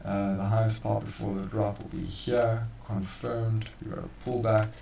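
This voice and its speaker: This live trading stream co-host has a fairly low, mellow voice with vocal fry, little pitch movement, and a normal speed. Casual and laid-back, he explains chart analysis and calls listeners "bro," recorded in a roomy space far from the mic with slight background noise.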